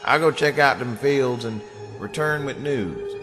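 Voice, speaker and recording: A man's voice: medium pitch, a little slow, pitched above the performer's own voice, lightly acted. A man voicing a worried farmer neighbor who cries out his complaints. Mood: anxious. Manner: anxious, crying out. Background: music.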